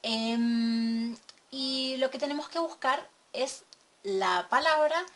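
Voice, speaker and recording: A woman teaching a recorded lesson from slides, explaining step by step and checking in with a quick question. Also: high voice, a bit bright. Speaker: English teacher.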